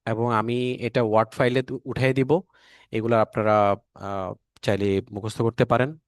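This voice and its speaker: A man's voice: medium pitch, level tone, moderate pace, dry recording, studio quality. A man with a Bangladeshi Bengali accent teaching an online language lesson, repeating each word several times with many fillers.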